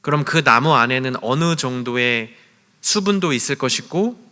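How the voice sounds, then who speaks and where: Guy preaching to young adults, tells stories, acts out the quotes, mid pitch, echoey hall. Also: animated, moderate pace. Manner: storytelling, acts out quoted lines with shouts and whispers. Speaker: youth group pastor. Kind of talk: sermon. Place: church hall. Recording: long church hall reverb.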